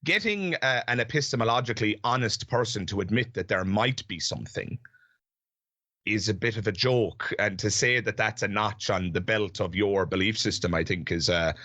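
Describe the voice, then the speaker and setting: An Irish podcast host and debater runs a casual debate in a low, bright, forceful voice with no echo. His delivery is measured: he breaks his questions into careful, restated steps, padding them with fillers and asides.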